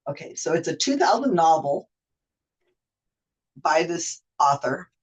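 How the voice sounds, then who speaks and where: A Wikipedia editor who has a cold rambles chattily through pages on a shared screen, often correcting themselves mid-sentence in this casual explainer. The mid-range voice is very animated, unhurried and breathy-edged, and the recording is rough.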